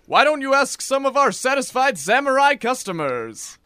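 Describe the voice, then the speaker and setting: A man's voice: very animated, moderate pace, bright, forceful tone, clean tone, dry recording, full character voice. A man doing a hard-sell announcer voice in a spoof infomercial within a radio comedy. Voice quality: hard-sell, booming salesman delivery. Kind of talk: mock infomercial pitch.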